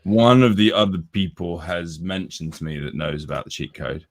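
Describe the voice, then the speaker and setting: A man's voice: sits low, moderate pace. A British man co-hosting a live sports chat show, with playful interjections in casual banter. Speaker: podcast co-host.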